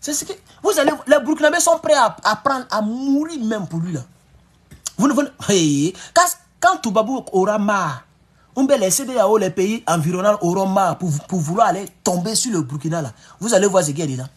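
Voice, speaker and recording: A man giving excitable, emphatic political commentary on a live stream. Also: high-pitched, fairly quick, breathy edge.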